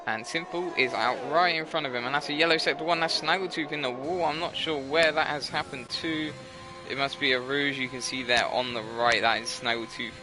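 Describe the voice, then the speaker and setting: A tired young man giving live commentary on an online racing league, rambling and correcting himself as he goes. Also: mid-range voice. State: tired, yawning. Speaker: race commentator.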